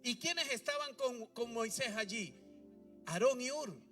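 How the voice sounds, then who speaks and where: A man's voice: extremely high pitch, expressive, unhurried, a bit bright. A man preaching a sermon, firing rhetorical questions and calling on the congregation to repeat after him. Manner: preaching with rhetorical questions and call-and-response prompts. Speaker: pastor. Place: church. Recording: distant mic with faint music behind.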